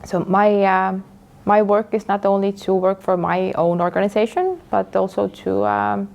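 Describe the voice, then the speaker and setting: A woman's voice: medium pitch, moderate pace, creaky, a little mellow. A woman from Estonia, a native Estonian speaker, introducing herself as a guest speaker in a hesitant way with many fillers. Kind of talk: casual lecture introduction.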